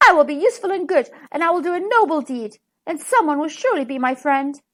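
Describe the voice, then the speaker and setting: Woman as an earnest, animated big wolf. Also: high voice, fast, voice pushed up. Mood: hopeful. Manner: polite, theatrical. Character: earnest, sensitive male wolf wanting friends.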